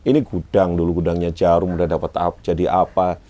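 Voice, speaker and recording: Speaking a little fast in a low, dark voice with a level tone, a Malang Javanese-accented man in his forties guests on a laid-back interview. The former radio announcer, now an event MC, jokes at his own expense and slips Javanese words into the chat.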